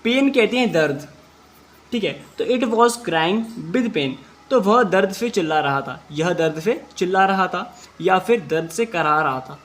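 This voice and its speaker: A man teaching an English class, reading English sentences slowly word by word and then explaining each word step by step. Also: high-pitched, animated, a bit bright, slight background noise. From India. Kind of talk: classroom translation lesson.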